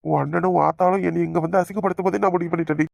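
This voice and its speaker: A woman's voice: lowish voice, steady tone, rapid-fire, vocal fry, dry recording, clean studio sound, pitched below the performer's own voice. A woman voicing an angry, dismissive village husband with a Kanyakumari Tamil accent in a cartoon comedy. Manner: angry, dismissive, shouting threats. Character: angry village husband, young adult man.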